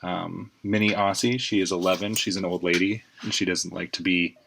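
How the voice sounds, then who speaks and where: A man's voice: sits low, fairly even intonation, moderate pace, vocal fry, noisy background. A man talking casually through a screen recording at home, rambling a little with frequent fillers. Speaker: student making a class screencast. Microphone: computer webcam mic.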